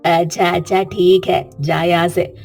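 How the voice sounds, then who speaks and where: A woman's voice: lowish voice, level tone, measured pace, gravelly, darkish tone, soft background music. Woman playing a bossy scolding mother-in-law. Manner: scolding, domineering. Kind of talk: animated story voice acting.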